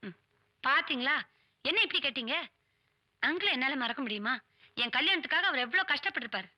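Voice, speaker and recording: A woman's voice: high voice, animated, a little fast, pushed and bright, full character voice. A woman playing a young wife in a film who pleads for help for her husband, then speaks with sweet slyness. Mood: sweetly sly. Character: young wife pleading, later sly schemer. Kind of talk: Tamil film dialogue.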